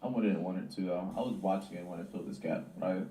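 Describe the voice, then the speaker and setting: A man's voice: sits low, fast, reverberant, recorded from a distance, a loud crowd. A man hosting a live stream as a day trader, chatting casually and swearing freely. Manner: laid-back, swears freely. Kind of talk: casual chat over live trading.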